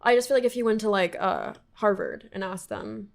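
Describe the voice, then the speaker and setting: A young woman argues her point in a relaxed debate, her voice at a middling pitch. She talks fast, laughs easily and swears when she gets riled. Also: creaky. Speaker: guest debating. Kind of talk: casual debate chat.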